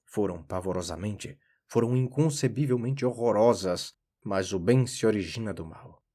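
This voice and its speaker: A man reads a classic horror story aloud in the steady style of a polished audiobook. His voice sits very low and deep. He delivers it with dramatic weight and a measured pace. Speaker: audiobook narrator. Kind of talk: scripted literary narration.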